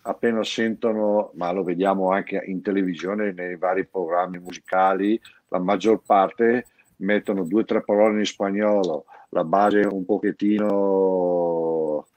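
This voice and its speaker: A middle-aged man from the Brescia area of northern Italy, with a Brescian accent, talks casually as an interview guest, the founder of an artists' collective. He rambles, restarts sentences often and repeats words. His low, darkish voice is fairly even in intonation and measured in pace, with no room sound.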